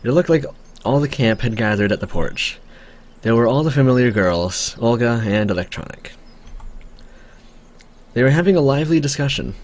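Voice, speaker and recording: A man reading a game's story aloud with a lively, rising and falling voice, then slipping into chatty asides about skipping and menus. Soft music plays underneath. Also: medium pitch. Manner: reads narration, breaks off for chatty asides. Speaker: let's play gamer. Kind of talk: reading a visual novel aloud with commentary.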